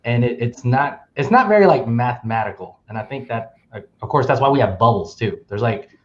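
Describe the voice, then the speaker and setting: A man's voice: mid-range voice, lively intonation, a little fast, highs cut off. A man co-hosting a casual talk, laughing often and peppering his speech with "like". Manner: laughs often, uses filler "like". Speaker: podcast co-host.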